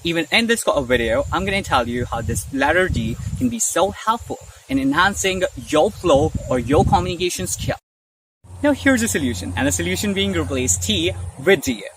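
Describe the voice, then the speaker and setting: A speaking coach giving a casual online lesson, chatty, often asking "right?" and slowing down to model examples. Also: mid-range voice, lively intonation. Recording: distant mic with faint noise.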